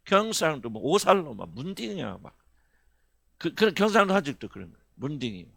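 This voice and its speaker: A man's voice: a little high, gravelly, a bit bright, no room sound. A middle-aged male pastor preaching a sermon in a folksy, conversational way, often asking the congregation questions. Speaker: senior pastor.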